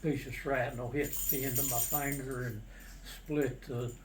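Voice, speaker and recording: An older man, a war veteran, casually recounting his memories in a halting, matter-of-fact, plain-spoken way. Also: medium pitch, fairly even intonation, over music. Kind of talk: casual personal storytelling. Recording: distant mic with faint background noise.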